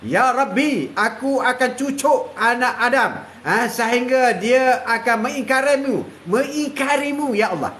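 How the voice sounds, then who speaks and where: A man voicing a scheming male devil who pleads and grumbles in a raised, higher voice. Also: a little slow, hardly any pauses, fairly bright tone, echoey room, a little hiss or hum. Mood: pleading.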